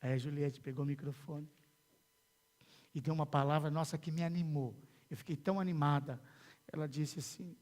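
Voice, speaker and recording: A male pastor with a Brazilian accent preaching a sermon in a church, telling a story with many repeated words and swings from hushed to loud. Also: a little high, fairly even intonation, normal speed. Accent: Brazilian Portuguese. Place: church sanctuary. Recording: long church hall reverb.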